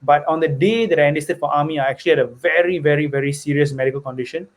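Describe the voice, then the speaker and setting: A young Singaporean investor, guesting on a podcast, tells his life story earnestly in a slightly high, rapid-fire voice. He keeps checking in with "right?" and "you know" as he talks.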